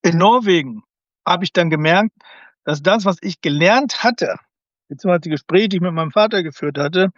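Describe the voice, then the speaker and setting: Guy w a pretty high voice, thinks out loud a lot, dry slightly dull podcast sound. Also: normal speed, no room sound. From Germany. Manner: thoughtful, explains at length with frequent hesitations. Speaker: guest, special-needs educator. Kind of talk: conversational interview.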